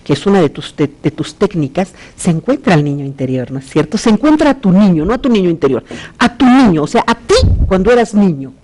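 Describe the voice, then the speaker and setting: A man hosting a TV talk show, interviewing guests in an animated way, exclaiming and asking leading questions. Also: high-pitched, fast talker, poor audio.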